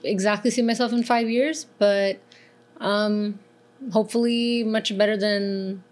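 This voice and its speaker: Young female guest performer, hesitant and halting, mid-pitched voice. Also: fairly even intonation, a little mellow. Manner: hesitant, many fillers. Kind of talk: casual interview chat.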